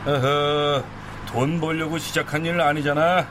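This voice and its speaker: A man playing a soft-hearted, excitable dog rescuer in a radio drama, animated and easily flustered. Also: on the high side, unhurried, natural voice. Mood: casual, protesting. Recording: clear street and car noise behind.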